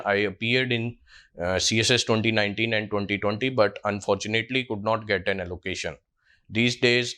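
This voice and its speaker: Hesitant and full of fillers and restarts, a job candidate in his twenties with a Pakistani English accent answers questions from an interview panel. His voice is lowish and a bit bright.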